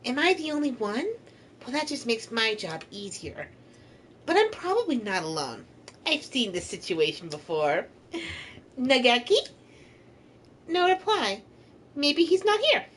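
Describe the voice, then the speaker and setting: High, lively woman reading game text. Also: a little slow, long pauses, a little hiss or hum. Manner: animated, playful, giggly narration. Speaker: streamer playing a visual novel. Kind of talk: reading game text aloud, casual stream chat.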